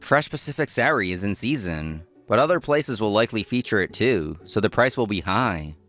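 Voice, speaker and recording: A man's voice: fairly low pitch, lively intonation, moderate pace, a bit bright, soft background music. A man reading scripted first-person narration with acted dialogue as a dry restaurant owner in a comic dub. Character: dry, workaholic young male restaurant owner.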